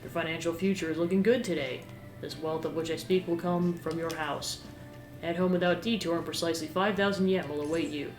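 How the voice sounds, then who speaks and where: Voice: medium pitch, fairly even intonation, fairly quick, close to an everyday voice. A game player voicing a mysterious young woman fortune teller with formal, ominous soothsaying patter. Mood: mystical, solemn. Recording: roomy echo with game music behind.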